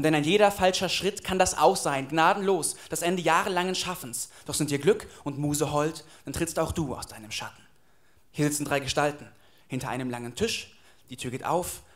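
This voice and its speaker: High-voiced man performing rhymed slam poetry. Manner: dramatic, rhythmic delivery. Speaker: slam poet. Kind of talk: rhymed spoken-word performance. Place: live stage at a poetry slam.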